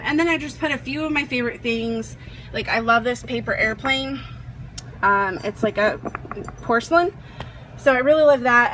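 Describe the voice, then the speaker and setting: A woman's voice: on the high side, a bit bright, slight background noise. A young woman chatting casually while giving a home tour for her vlog, with plenty of fillers and a rambling way of talking. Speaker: vlogger.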